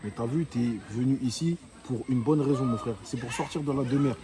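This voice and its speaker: A man's voice: mid-range voice, brisk, a crowd in the background. A man giving an insistent, consoling pep talk in street slang, with music playing under his voice. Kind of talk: casual chat with street slang.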